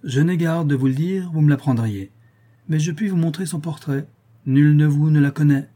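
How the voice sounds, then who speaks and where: A man's voice: fairly high pitch, moderate pace, dark tone, pitched above the performer's own voice, lightly acted. A man reading an audiobook voices a vain, cheerful nobleman in a gallant, self-satisfied manner. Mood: smug.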